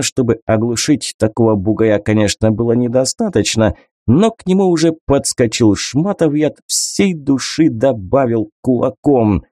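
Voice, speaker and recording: A man narrating an adventure audiobook with animated delivery. His pitch rises and falls freely over a dark, mellow tone. The recording is dry and close. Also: no room sound. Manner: animated, expressive reading. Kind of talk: scripted narration.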